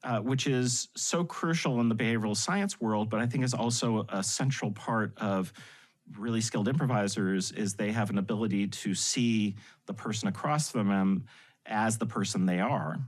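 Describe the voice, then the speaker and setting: A man guesting on a podcast, telling anecdotes in an animated way and laughing often. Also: fairly low pitch, normal speed. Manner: animated storyteller with frequent laughs. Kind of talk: anecdotal storytelling in conversation.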